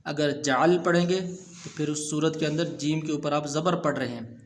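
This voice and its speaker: A man with a Pakistani Urdu accent teaching tajweed, chanting verses slowly and then explaining the rules in quick plain speech. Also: on the high side. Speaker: Quran recitation teacher. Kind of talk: Quran tajweed lesson.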